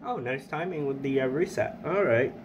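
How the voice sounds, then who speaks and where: A man's voice: mid-range voice, normal speed, heavy background noise. A man chatting casually as he hosts a hobby equipment demonstration, recorded indoors on a handheld camera. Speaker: hobbyist video host. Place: indoors, beside plywood test board.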